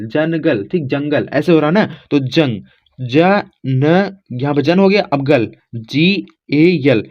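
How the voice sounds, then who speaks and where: Chatty and on the high side, this teacher keeps saying "theek" as he spells letters aloud one step at a time in a casual classroom explanation. He speaks informally, addressing viewers as friends, and the lo-fi sound is dull.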